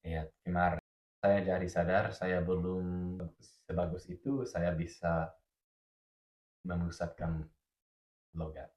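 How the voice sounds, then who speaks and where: A male foreign learner and native English speaker talking in careful, formal, halting Indonesian as a podcast guest, stuffed up with a cold. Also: low-pitched, level tone, darkish tone. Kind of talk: casual podcast interview. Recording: roomy echo, slightly dull sound.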